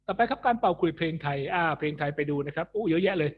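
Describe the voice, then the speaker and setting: A male music teacher talks through a lesson in a chatty, joking way, often laughing at his own jokes. His voice is husky and sits fairly high. The recording sounds muffled and lo-fi. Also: animated, racing. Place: alone in an empty school building.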